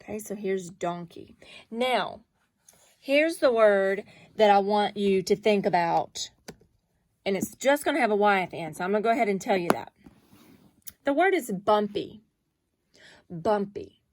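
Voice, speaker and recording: A woman's voice: medium pitch, expressive, a little slow, pauses often, darkish tone. A woman teaching a phonics lesson to young children, patiently sounding out letters and syllables.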